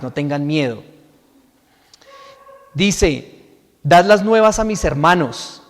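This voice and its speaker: A man's voice: a little high, big-room sound. A man preaching a sermon as pastor, reading scripture aloud and explaining it, often checking in with the congregation. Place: church hall.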